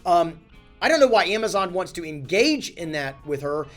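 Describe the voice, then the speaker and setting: A man, a company chief, giving a casual, animated talking-head lesson on handling crises, blunt and self-correcting. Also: high-pitched, normal speed, faint music behind. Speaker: company CEO teaching communication.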